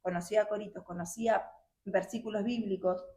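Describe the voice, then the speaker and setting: Halting young woman, roomy sound. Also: mid-range voice, steady tone, warm tone. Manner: halting, emotional storytelling with many restarts. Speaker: guest sharing her testimony. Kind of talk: personal testimony in conversation. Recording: roomy echo.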